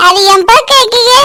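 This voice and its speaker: Cartoon daughter, voiced by a woman, very high and bright, teasing chatty storyteller. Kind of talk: animated family drama voice acting.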